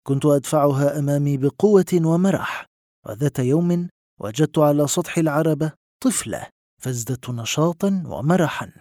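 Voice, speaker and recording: A man narrating short literary stories in a measured, even reading voice. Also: fairly high pitch, no echo, studio quality.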